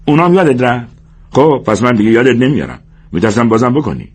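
A man voicing a sharp-tongued exasperated ranch hand. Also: medium pitch, sing-song, pitched above the performer's own voice. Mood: scolding. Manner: scolding, raised voice, emphatic. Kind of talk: audiobook character voice.

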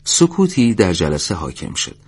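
A man narrating an audiobook story in a steady, even manner. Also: lowish voice, slightly rough.

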